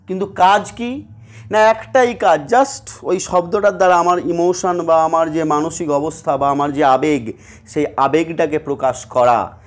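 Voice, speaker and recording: A man's voice: fairly high pitch, steady tone, a little slow. A man with a Bengali accent teaching a grammar lesson to students, explaining step by step and often asking them questions. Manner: explanatory, asks students questions, acts out sample sentences.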